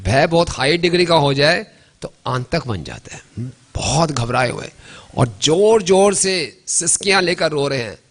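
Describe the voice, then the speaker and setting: A man gives a devotional sermon as a story. He speaks at a mid pitch, often checks in with the listeners, and slows down to chant verses. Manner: chants Sanskrit verses slowly, adds tag questions. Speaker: devotional preacher.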